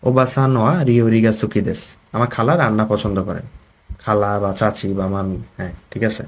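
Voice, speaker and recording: A man's voice: on the low side, brisk. A man with a Bangladeshi accent teaching a Japanese vocabulary lesson. He explains each word, reads an example sentence and translates it, often checking that the learners follow.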